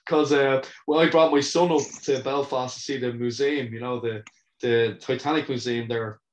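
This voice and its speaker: A man's voice: medium pitch, steady tone, a little hiss or hum. Friendly man podcast host, echoey room. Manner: friendly, halting, many fillers and "yeah"s. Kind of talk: casual interview.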